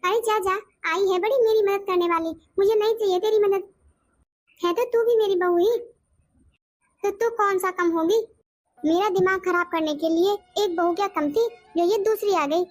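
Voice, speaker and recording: A woman's voice: extremely high pitch, moderate pace. A woman voicing a stubborn, bitter older mother-in-law in a cartoon, scolding and complaining. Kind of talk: cartoon voice acting.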